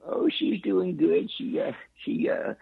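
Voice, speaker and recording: An older man calling into a radio show, chuckling and teasing in a halting, folksy way over the phone. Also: high voice, wildly swooping pitch, gravelly, breathy edge, no room sound. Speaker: caller. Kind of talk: phone-in chat. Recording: tinny phone line.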